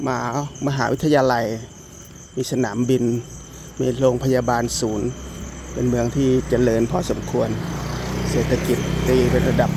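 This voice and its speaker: A man with an Isan Thai accent talks his way through a casual walking vlog, his voice gravelly with fry. He rambles and restarts his sentences. Loud traffic and street ambience fill the outdoor night recording. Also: medium pitch. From Isan, northeastern Thailand. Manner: rambling, with many restarts and fillers. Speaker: vlogger.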